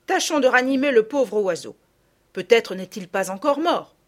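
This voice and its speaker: A woman voicing a kind, calm grown-up woman who looks after the girls, gentle but firm, in a storybook reading. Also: fairly high pitch, normal speed, close to an everyday voice. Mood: soothing.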